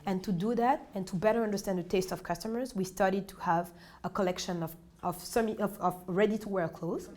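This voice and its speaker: Speaking at a medium pitch with a darkish tone and a slightly fast pace, a Senegalese entrepreneur in her twenties answers documentary interview questions in a clothing shop. Her manner is earnest, with many restarts and self-corrections.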